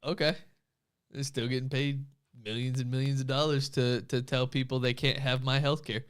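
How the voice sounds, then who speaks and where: Smooth-voiced man telling a story. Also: mid-range voice, normal speed. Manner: animated storyteller, laughs often, acts out quotes. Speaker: podcast co-host. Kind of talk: casual chat, storytelling.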